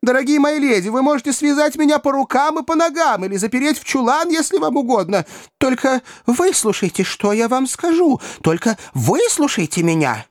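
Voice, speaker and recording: A man doing a frantic elderly gentleman pleading loudly. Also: on the high side, animated, brisk, vocal fry, hardly any pauses, husky, dry recording, studio quality, pitched above the performer's own voice, full character voice. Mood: desperate pleading. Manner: loud, desperate pleading. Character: flustered portly elderly English gentleman, pleading.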